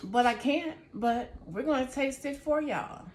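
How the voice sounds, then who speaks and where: A woman's voice: high-pitched, expressive, measured pace, over loud music. A woman hosting a home baking vlog, chatting easily and speaking straight to her viewers from her kitchen. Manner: easygoing, chatty, talks to viewers directly. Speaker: home baking channel host. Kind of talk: casual cooking vlog chat.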